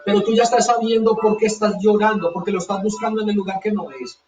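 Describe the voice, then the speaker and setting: High-voiced fervent male preacher, echoey. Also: fast talker, recorded from a distance. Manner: fervent, repeats phrases for emphasis. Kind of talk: sermon. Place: church hall. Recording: dull echoey church sound from afar.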